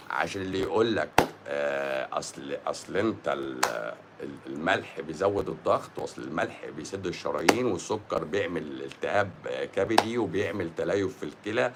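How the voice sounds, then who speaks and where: Fast-talking Egyptian doctor, low voice. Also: male voice, fairly bright tone, a little hiss or hum. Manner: scolding, blunt, mixes English words into speech. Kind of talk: live-stream monologue.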